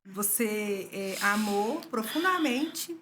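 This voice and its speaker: A woman from Brazil hosts a podcast interview in a supportive, gentle manner. Her voice is at an ordinary middle pitch, and she keeps backing up her guest with soft words of agreement. Faint noise can be heard behind her. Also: animated, slow. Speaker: podcast host.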